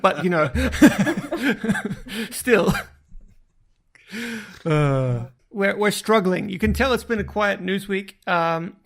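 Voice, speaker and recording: A man's voice: high-pitched, animated, drawn-out words, long pauses, a bit bright. A man hosting a casual gaming podcast over voice chat, joking at his own expense and stumbling over repeated words. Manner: joking, self-mocking, stammers repeats. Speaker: podcast host.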